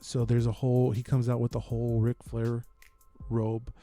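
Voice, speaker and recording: A man's voice: mid-range voice, completely flat delivery, normal speed, mellow, soft background music. A man hosting a podcast, chatting casually in slangy, informal language as he gives his reviews. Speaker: podcast host. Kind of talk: casual chat, reviewing games and comedy specials.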